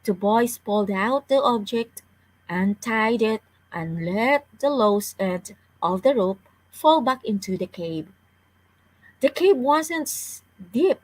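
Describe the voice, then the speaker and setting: A woman with a medium-pitched voice reads a children's story aloud like a storyteller, delivering it carefully but stumbling over the odd word. The recording is low quality.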